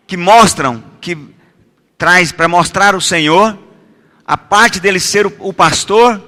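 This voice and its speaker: A man preaches in a high, bright, forceful voice. He keeps calling for responses and builds up to loud, emphatic repeated declarations. His voice carries a long reverb from a church hall. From Goiás, Brazil. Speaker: pastor. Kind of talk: sermon with call-and-response.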